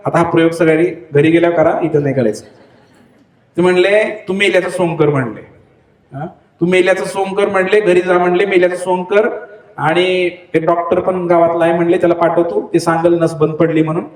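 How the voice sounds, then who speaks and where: Man, preacher, Marathi accent, high voice, storytelling sermon, echoey hall. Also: fairly quick. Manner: animated, acts out characters' voices and wails.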